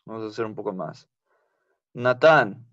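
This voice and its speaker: A man's voice: mid-range voice, expressive, no room sound, muffled recording. A man teaching a Biblical Hebrew grammar class online, explaining patiently and checking with students as he goes. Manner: patient, explains slowly, asks the class for confirmation.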